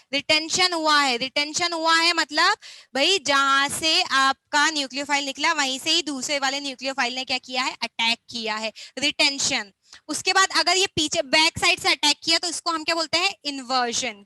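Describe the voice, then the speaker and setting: A woman's voice: sits high, pushed and bright, dry recording, low-quality recording. A young woman giving a chemistry lecture, asking questions and answering them herself. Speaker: chemistry teacher. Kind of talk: classroom lecture.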